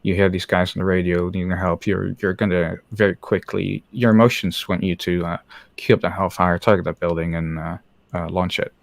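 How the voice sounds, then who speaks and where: A man's voice: low-pitched, fairly even intonation, brisk, vocal fry, no room sound. A man from the Netherlands, a former helicopter pilot, talking frankly in an interview with many hesitant restarts. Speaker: former Apache pilot guest. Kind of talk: candid interview talk on a live stream.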